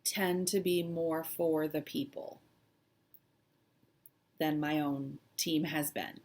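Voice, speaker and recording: A woman vlogger chatting casually and personally, halting and hesitant with long pauses, sounding shaky and close to tears. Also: low-pitched, steady tone, a little mellow. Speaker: cross-stitch vlog host. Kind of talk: casual personal chat to camera.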